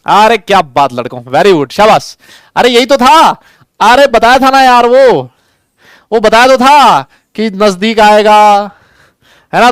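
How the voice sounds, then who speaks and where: A man's voice: high-pitched, clean tone, dry recording. A young man teaching chemistry in a live online class, chatty and jokey, calling students beta as he runs polls.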